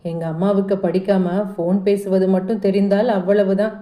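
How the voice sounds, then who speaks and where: A woman's voice: mid-range voice, fairly even intonation, brisk, dark tone, close to an everyday voice. A woman voicing a defensive teenage girl who pleads and protests in a told story. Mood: secretive, hushed. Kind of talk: storytelling dialogue. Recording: echoey room.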